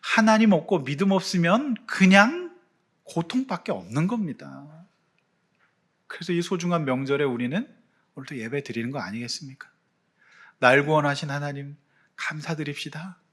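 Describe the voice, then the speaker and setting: A man preaching a Sunday sermon as pastor, animated, with sudden loud swells. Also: fairly high pitch, moderate pace, breathy edge.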